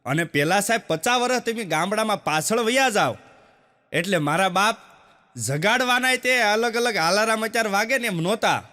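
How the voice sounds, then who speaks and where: A man's voice: high-pitched, lively intonation, normal speed, pushed and bright. A man telling jokes on stage, slipping into the voices of the villagers and family members in his stories. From Gujarat, India. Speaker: stand-up comedian. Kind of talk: Gujarati stand-up joke telling. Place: stage show with a live audience. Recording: long hall reverb.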